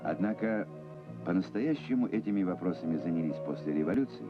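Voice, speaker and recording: Man, very low voice, old newsreel narration, formal and measured, dull lo-fi sound, clear music behind. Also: animated. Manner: formal, measured official delivery. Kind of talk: scripted documentary narration.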